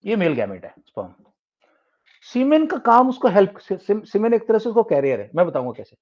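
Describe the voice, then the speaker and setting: A middle-aged man with an Indian English accent teaches a science class step by step, mixing Hindi and English and frequently restarting his sentences. His voice is high-pitched and a little mellow, swooping wildly in pitch at a slightly fast pace. The recording sounds dull and lo-fi.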